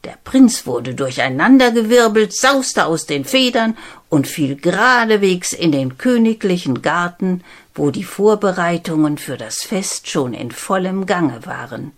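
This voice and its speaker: Eine Frau, die ruhig und gemessen ein Märchen vorliest. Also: female voice, on the low side. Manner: slow, calm, measured. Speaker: storyteller. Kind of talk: fairy tale reading.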